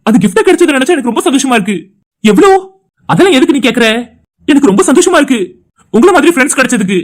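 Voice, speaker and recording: Fast, lively banter from a group of cheerful young men in an animated family story, all voiced by one actor. The pitch moves freely as they tease each other, and the talk stays quick and bouncy throughout. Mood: warm. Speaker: cartoon voice actor. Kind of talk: animated family drama dialogue.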